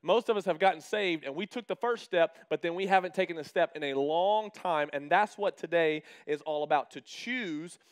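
A pastor with a high voice preaches to his church. He keeps his sermon lively, calling out to the people in the room. He slows down hard on the phrases he wants to land. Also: clear, resonant tone. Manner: lively preaching with call-outs to the congregation; slows down to stress key phrases. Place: church hall.

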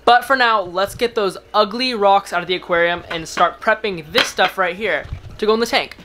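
A young adult American man, an aquarium hobby vlogger, chats casually and narrates to the camera, mostly indoors in a room at home filled with fish tanks. His high voice sounds pushed and bright, moving at a normal speed, with soft music in the background.

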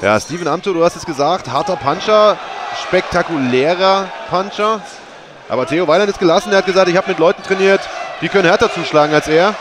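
A man's voice: high voice, fairly quick. A man giving live sports commentary on a fight as a commentator. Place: large indoor sports arena. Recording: noisy arena with loud crowd.

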